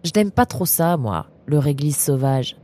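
A woman's voice: low-pitched, expressive, unhurried, warm tone. A woman voicing a cheerful, teasing young male animal traveler in a storybook reading, talking playfully and chattily.

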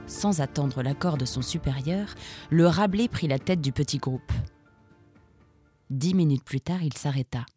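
Low-voiced woman reading a story. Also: measured pace, mellow, husky, soft background music. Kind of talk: storybook narration.

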